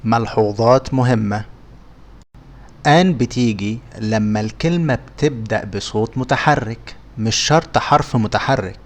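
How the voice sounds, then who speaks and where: A man with an Egyptian Arabic accent, teaching English words in a scripted lesson and pronouncing each example slowly and carefully. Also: fairly low pitch, a little hiss or hum.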